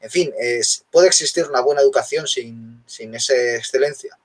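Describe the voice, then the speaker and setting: A man's voice: medium pitch, normal speed. Hesitant male interviewer. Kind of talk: conversational interview.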